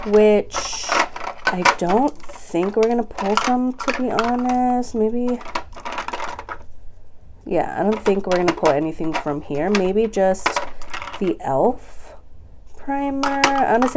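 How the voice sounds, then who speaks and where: A young woman with a mid-range voice chats casually about her makeup collection, sounding nasal and congested from a cold. She's chatty and upbeat, saying "girl" and "go ahead," with background noise in the recording.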